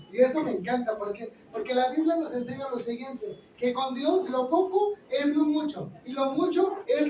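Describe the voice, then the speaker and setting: A male pastor preaching a lively sermon full of exclamations of praise. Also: very high-pitched. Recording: echoey room, speaker far from mic, faint noise.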